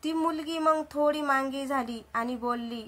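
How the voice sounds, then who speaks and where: A woman's voice: high voice, unhurried, fairly bright tone. A woman narrating an emotional story in an earnest, dramatic way.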